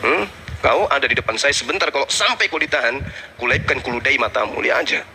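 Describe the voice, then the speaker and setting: A man's voice: medium pitch, animated, fast, bright, forceful tone, a little hiss or hum. A man, hosting a debate channel and scolding someone in an angry, threatening rant.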